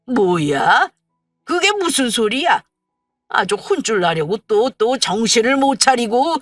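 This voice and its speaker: A woman voicing a gruff old husband's ghost. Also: fairly low pitch, expressive, slow pace, a bit bright, no echo, studio quality, exaggerated voice. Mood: angry. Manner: blustery then tender. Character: gruff, doting elderly husband's spirit. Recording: distant mic, faint music.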